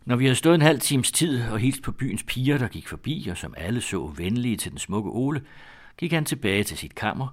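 Deep-voiced man reading an old tale. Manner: measured, descriptive storytelling. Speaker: narrator. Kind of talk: audiobook reading.

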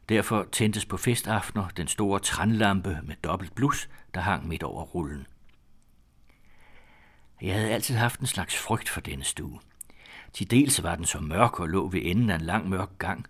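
A man narrating an old story as an audiobook reading, in a measured, descriptive manner. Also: sits low.

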